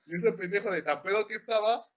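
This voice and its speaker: A man's voice: sits high, fast. A young man with a Mexican Spanish accent telling a story in casual chat, full of slang and swearing. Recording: dull lo-fi sound.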